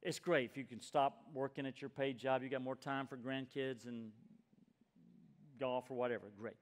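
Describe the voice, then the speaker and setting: A man in his sixties preaching a sermon as pastor, emphatic and swinging from loud urging down to hushed near-whispers. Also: mid-range voice, steady tone, normal speed. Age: 60s. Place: church sanctuary. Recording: long reverb of a church hall.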